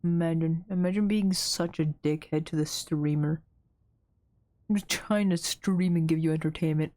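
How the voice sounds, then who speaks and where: A woman's voice: sits low, fairly even intonation, moderate pace, dark tone, no room sound. A young woman streaming a game, talking in a playfully dramatic way and making mock threats at her chat. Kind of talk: gaming livestream commentary.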